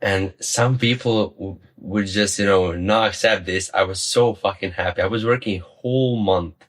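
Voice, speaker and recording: A young man from Serbia, native in Serbian, talks to camera about his own story in vlogger fashion, rambling, repeating words and swearing casually. He speaks in a lowish voice at a moderate pace.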